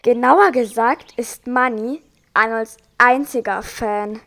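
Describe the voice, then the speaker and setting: A woman narrating a children's story in a calm, measured way. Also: a little high.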